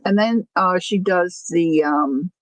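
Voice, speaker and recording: A woman's voice: fairly low pitch, takes it slowly, dry recording, poor audio. An older woman chatting casually as a livestream host, rambling easily through asides, her words slightly slurred from missing front teeth. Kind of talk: casual chat.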